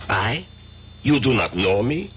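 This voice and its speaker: In a 1970s radio drama, a man plays a suave, menacing foreign crime boss with a mocking, French-sounding accent. His mid-range voice is gravelly yet smooth, swings widely in pitch, and moves slowly with a slightly bright edge. The vintage broadcast sounds dull, with faint hiss.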